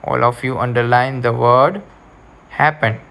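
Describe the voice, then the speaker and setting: A male teacher guides a class through a reading lesson. He speaks slowly and deliberately, repeating each instruction. His voice sits in an ordinary middle register. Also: mid-range voice, steady tone, gravelly, a bit bright.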